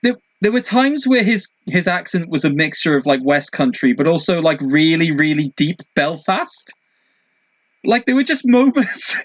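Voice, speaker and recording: Guy telling funny bits on a movie podcast, highish voice, dry close sound. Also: big pitch swings, normal speed, dry recording. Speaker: film podcast panelist. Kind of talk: casual chat.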